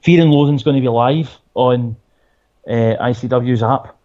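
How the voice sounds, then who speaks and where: A man's voice: mid-range voice, unhurried, warm tone, dull audio. A man with a Glaswegian accent co-hosting a podcast in casual, dry, matter-of-fact chat with some swearing. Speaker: podcast co-host. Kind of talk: casual chat about wrestling and gaming.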